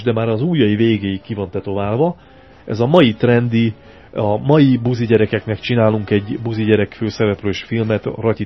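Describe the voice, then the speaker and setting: A man co-hosting a loose radio show, ranting about a film with crude, sarcastic jokes. His voice sits on the low side. The sound is dull and lo-fi, like a compressed radio archive. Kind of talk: casual chat, film review.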